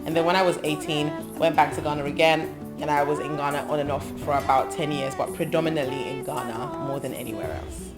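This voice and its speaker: A gospel singer from England, a woman in her thirties, reflects on her life in an interview, reeling off lists with lots of ums. Her deep voice holds a fairly even intonation at a slightly quick pace, with background music playing beneath her.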